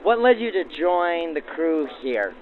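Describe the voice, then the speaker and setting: Speaking in a slightly high, very animated but unhurried voice, a man hosts and conducts interviews for a train excursion program. His formal, descriptive delivery recalls old-time radio, filtered to sound like a 1940s broadcast, narrow and phone-like, with music underneath.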